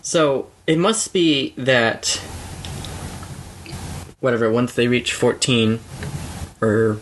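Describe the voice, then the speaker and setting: A man co-hosting a relaxed podcast from a home studio, working through his ideas out loud. He hedges and restarts often, filling pauses with ums. A faint hiss sits under his voice. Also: medium pitch, poor audio. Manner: hesitant, many ums and restarts. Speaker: podcast co-host. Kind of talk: casual anime recap chat.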